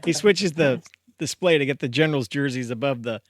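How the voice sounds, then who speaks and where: Podcast co-host, man, animated, dry close sound. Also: medium pitch, a little fast, dry recording. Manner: animated storyteller, exclaims. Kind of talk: casual sports chat.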